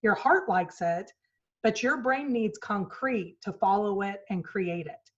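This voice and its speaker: A woman's voice: medium pitch, a little slow. Woman telling an earnest story, slightly muffled. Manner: earnest storytelling, acts out quoted lines with shifts in tone. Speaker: speaker at a virtual retreat. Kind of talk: motivational talk. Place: home office. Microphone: video call mic.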